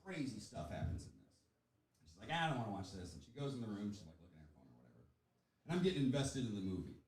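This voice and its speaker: A man doing a stand-up comedy set, animated and laughing at his own jokes as he acts out the people in his stories. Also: fairly low pitch, rapid-fire. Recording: echoey room, distant mic, crowd.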